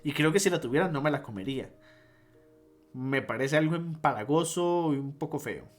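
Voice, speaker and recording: A man's voice: a little high, expressive, normal speed, faint music behind. A man teaching logic in a casual online lecture, explaining step by step and stopping to restate and correct himself.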